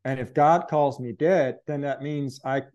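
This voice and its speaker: Man, interview guest, earnest, reflective, mellow voice. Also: medium pitch, steady tone, measured pace, highs cut off. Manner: earnest, reflective, searching for words. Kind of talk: conversational testimony.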